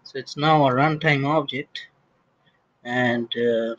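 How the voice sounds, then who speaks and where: A man giving a casual screen-recorded software tutorial as an instructor, thinking aloud with frequent restarts and fillers. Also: mid-range voice, fairly even intonation, takes it slowly, dull audio. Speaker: SAP instructor.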